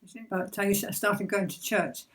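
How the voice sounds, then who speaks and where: An older woman recounts her faith story in a gentle, halting way, circling back over her words with small soft laughs. Her voice sits at an ordinary middle pitch. The mic catches her from a little distance. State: emotional near the end. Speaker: church member sharing testimony. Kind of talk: personal faith testimony.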